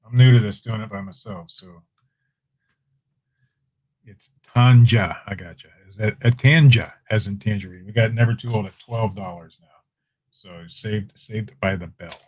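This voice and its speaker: Man, lowish voice, casual live-stream auctioneer, chatty, talks to the chat, trails off softly. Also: normal speed.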